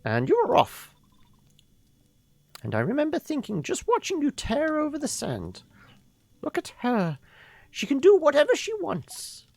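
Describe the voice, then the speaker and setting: A performer putting on the voice of a kindly old woman mentor in a game, tender, halting and reassuring. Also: sits high, huge pitch swings, vocal fry, darkish tone, dry recording, voice pushed up, full character voice. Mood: fond reminiscing.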